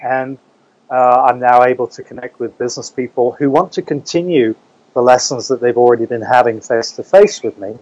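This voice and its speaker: A man's voice: mid-range voice, a little fast, darkish tone, no echo. Man in dull, dry lo-fi audio. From New Zealand. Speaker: interview guest, English teacher. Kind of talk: casual interview talk.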